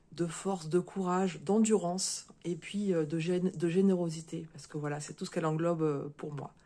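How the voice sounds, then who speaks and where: A slightly hoarse woman chatting casually to her viewers as she opens a parcel, with many fillers and restarts. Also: fairly low pitch, warm tone. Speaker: crafting video creator. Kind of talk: casual unboxing chat to viewers.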